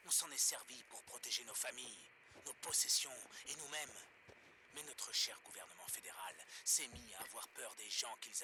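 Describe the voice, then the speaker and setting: A ranting pirate radio host. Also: male voice, mid-range voice, background noise. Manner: preachy, indignant, rhetorical questions to listeners. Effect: pirate radio broadcast heard in the game. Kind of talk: dubbed video game dialogue.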